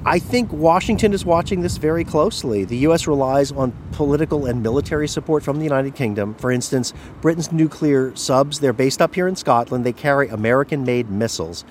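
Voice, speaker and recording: A man working as a radio correspondent, explaining a story in a relaxed back-and-forth with small restarts. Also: medium pitch, brisk, hardly any pauses, slight background noise. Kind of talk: reported news conversation.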